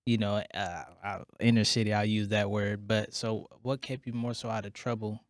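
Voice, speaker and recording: A man hosting a podcast, asking questions in a relaxed, casual way. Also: lowish voice, normal speed, no room sound, clean studio sound. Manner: relaxed, laid-back questioning with fillers. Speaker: podcast host. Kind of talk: casual interview chat.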